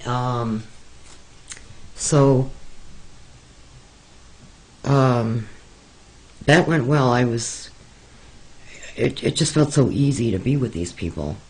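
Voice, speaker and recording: Slow, halting man telling his story. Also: mid-range voice, breathy edge, rough recording. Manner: hesitant, many pauses and fillers. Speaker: interviewee recounting experiences. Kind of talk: slow, halting personal account.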